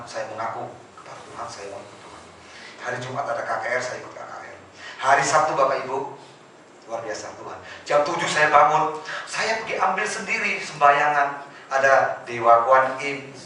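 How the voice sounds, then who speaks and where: A middle-aged man giving a personal testimony at a church prayer service, swinging between loud, emotional passages and hushed ones as he speaks to the congregation. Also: mid-range voice, noisy background. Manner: addresses the congregation directly. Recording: echoey church hall from a distance.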